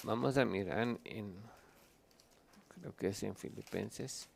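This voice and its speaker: A man's voice: fairly low pitch, gravelly, darkish tone, slight background noise. A man, a pastor, answering Bible questions and reading scripture aloud, stopping to look up verses. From Colombia. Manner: explains at length, reads scripture aloud, pauses to look up verses. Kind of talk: Bible teaching Q&A.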